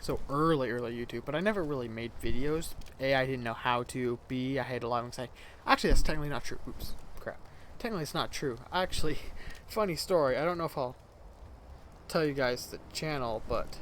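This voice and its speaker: A twenty-year-old YouTuber with a mid-range, somewhat bright voice, which he calls childish, rambles chattily to his viewers. There's slight background noise, and he corrects himself as he goes in this casual vlog chat.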